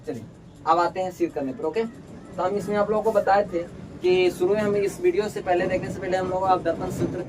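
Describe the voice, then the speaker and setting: A man explains a lesson in a fairly high voice, repeating each question and answering it himself. He sounds a little far from the mic, with a faint hum of background noise in the room. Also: fairly even intonation, brisk. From Bihar. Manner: colloquial, calls students "babu". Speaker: teacher.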